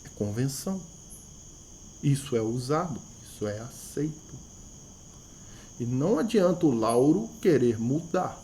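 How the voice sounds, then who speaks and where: A man's voice: medium pitch, expressive, unhurried, long pauses, warm tone, a little hiss or hum. A man teaching a math lesson, thinking aloud, repeating key words and asking himself rhetorical questions, with a Brazilian Portuguese accent. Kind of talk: explanatory video lesson.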